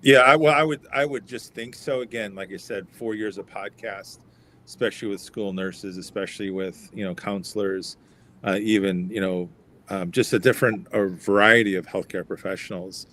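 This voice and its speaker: A man hosting a podcast, asking school nurses questions in a relaxed conversational way with frequent fillers. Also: fairly low pitch, normal speed, a little hiss or hum. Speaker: podcast host. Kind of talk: casual interview chat.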